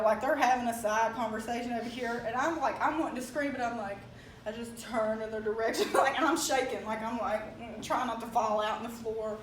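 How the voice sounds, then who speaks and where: A young woman with an Appalachian accent telling a story in a casual, animated way, often laughing and acting out the voices she quotes. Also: high-pitched, a little hiss or hum. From Appalachia, West Virginia. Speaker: speaker telling her story. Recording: echoey room, mic from far off, faint ambience.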